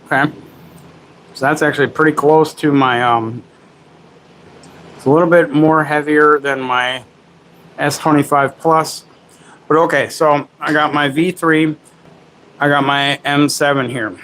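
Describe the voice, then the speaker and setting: A man's voice: a little high, fairly even intonation, measured pace, long pauses, a bit bright, a little hiss or hum, poor audio. A man hosting a casual livestream, demoing camera gimbals and chatting with viewers in a rambling, self-correcting way. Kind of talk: casual live product demo.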